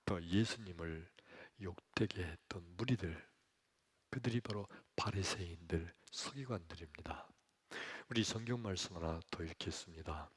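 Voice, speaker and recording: A male pastor preaching a sermon in a church, dramatic, moving from hushed whispers to loud exclamations. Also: low voice, normal speed, breathy edge. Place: church sanctuary, streamed for online worship.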